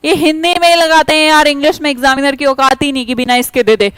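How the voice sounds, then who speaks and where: A woman leads an online English grammar class. Her voice sits high, and she talks briskly, pressing students for quick answers. The sound is dry and close to the mic. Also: steady tone, fairly bright tone, dry recording, rough recording.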